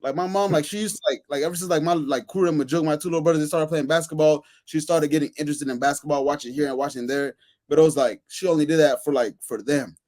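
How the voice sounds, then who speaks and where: A man on a podcast panel, telling excited stories in casual chat, full of restarts and fillers. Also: on the high side. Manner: excited, rapid storytelling with many restarts and fillers.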